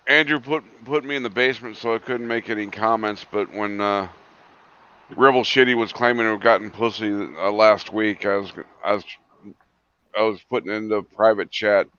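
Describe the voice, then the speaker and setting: A man's voice: fairly low pitch, steady tone, normal speed, bright, forceful tone, clean tone, dry recording, lo-fi sound. A man in crude casual banter in an online voice chat, needling others with mocking questions.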